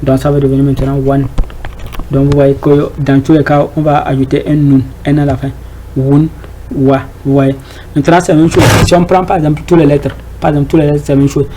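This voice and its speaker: A man's voice: fairly high pitch, level tone, a little fast, mellow, a little hiss or hum, rough recording. A man giving an informal Arabic reading lesson, hesitant, with many fillers, repeated words and rhetorical questions to the class. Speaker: Arabic teacher.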